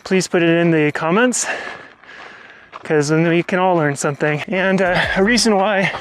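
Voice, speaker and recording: A man's voice: high voice, moderate pace, a little hiss or hum, low-quality recording. A man hosting a vlog, talking casually and explaining things as he goes, recorded outdoors on a trail. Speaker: vlog host.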